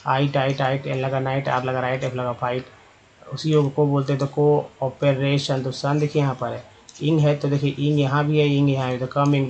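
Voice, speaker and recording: A man with a medium-pitched, slightly mellow voice explains an online lesson, spelling out letters and sounding out English words while addressing viewers like friends. There is slight background noise.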